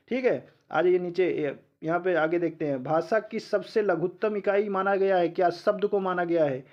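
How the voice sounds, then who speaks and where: A man's voice: sits high, dull audio. A man teaching an exam-prep lecture, asking learners questions and answering them himself, sounding out letters one by one.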